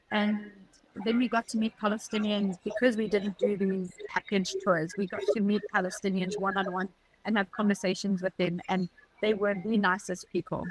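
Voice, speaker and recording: A woman from South Africa with a South African accent, a podcast guest telling a personal story in an earnest, reflective way with short halting phrases. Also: medium pitch, poor audio.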